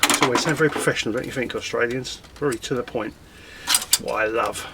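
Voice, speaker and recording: Heavy noise surrounds this man's medium-pitched, fairly quick voice. Tearing down old computer parts for scrap in his garage, the vlogger keeps up a casual, self-mocking chatter and mutters while working.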